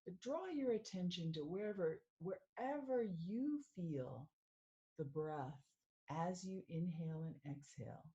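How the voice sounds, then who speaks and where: A woman working as a mindful living coach, leading a guided meditation in a calm, soothing way. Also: on the low side, muffled recording. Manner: slow, calm, soothing guidance.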